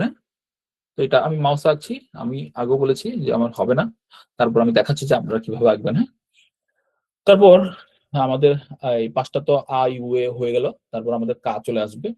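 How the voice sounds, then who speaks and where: Patient man teaching with a mellow, husky voice. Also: mid-range voice. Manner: patient, repeats steps, frequent "hyaan" checks. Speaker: Japanese language teacher. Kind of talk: step-by-step online lesson. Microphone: computer mic while drawing with a mouse.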